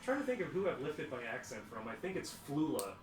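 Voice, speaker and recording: A man playing a tabletop game, joking and riffing quickly. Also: fairly high pitch, sing-song. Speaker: player. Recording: roomy, distant mic with clear background noise.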